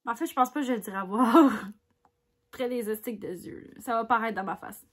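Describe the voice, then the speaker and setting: A woman with a Québécois French accent chats casually while reading quiz questions aloud and answering them candidly. She reads each question louder, then mulls over her answers with little laughs. Her voice is on the high side, brisk, and slightly rough.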